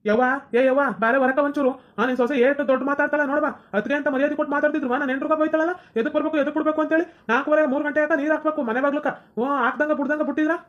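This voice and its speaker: A woman's voice: high-pitched, steady tone, rapid-fire, hardly any pauses, highs cut off, pitched below the performer's own voice, close to an everyday voice. A woman voicing a quarrelsome young husband who complains in a North Karnataka Kannada accent. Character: young husband Shankar, hotheaded son.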